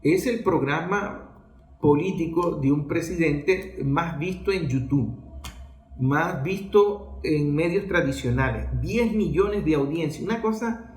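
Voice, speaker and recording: A man with a Venezuelan accent, a journalist, delivers political commentary as a speech, raising rhetorical questions and supplying his own answers. His voice is on the high side and a little mellow, and he takes it slowly. The room around him is echoey.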